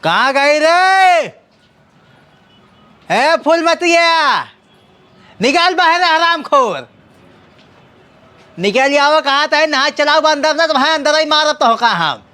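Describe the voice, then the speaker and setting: A woman's voice: high-pitched, lively intonation, slow pace, pauses often, sharp tone, full character voice. A woman playing a belligerent, boastful drunk village husband with an Awadhi accent in an amateur comedy sketch, drawling out threats.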